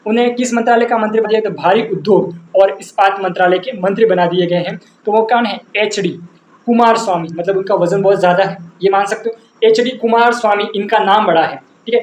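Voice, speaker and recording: Male teacher, repetitive self-questioning drill style, faint background hum. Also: high-pitched. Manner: asks and answers his own questions, repeating. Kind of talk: exam-prep lesson with memory tricks. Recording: roomy echo, faint background noise.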